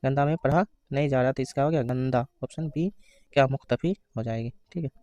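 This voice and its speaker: A man giving an exam-prep grammar lesson, asking questions and answering them himself, reading out the answer options slowly. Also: medium pitch, a little mellow, no echo. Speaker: teacher.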